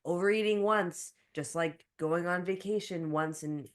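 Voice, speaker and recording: A young woman co-hosting a podcast in casual chat, relaxed and slangy, with an easy laugh. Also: lowish voice, unhurried. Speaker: podcast co-host. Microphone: podcast mic, in person.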